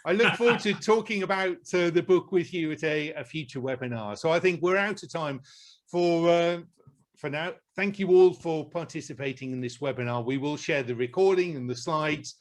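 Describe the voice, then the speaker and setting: A man's voice: a little high, normal speed. A man hosting a webinar, chatting in a friendly, light-hearted way and stammering a little as he starts sentences. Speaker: webinar host. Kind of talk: casual webinar chat.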